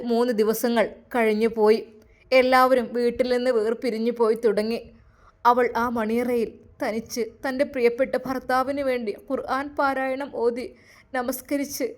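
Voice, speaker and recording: A woman's voice: a little high, level tone, normal speed. A woman narrating a dramatic story emotively.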